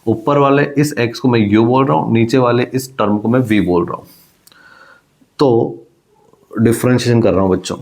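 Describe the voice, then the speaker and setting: In this exam-prep blackboard lecture, a man solves a physics problem one step at a time, addressing students as "child" and dropping in English math terms. His creaky, slightly mellow voice sits at medium pitch and moves at a normal speed with long pauses, and he repeats key phrases to stress them.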